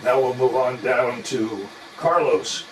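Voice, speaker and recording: Net control, man, slow measured call-outs through a static-laden radio link, sounds far off. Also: medium pitch. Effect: radio transmission under static hiss. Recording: distant radio audio with loud static.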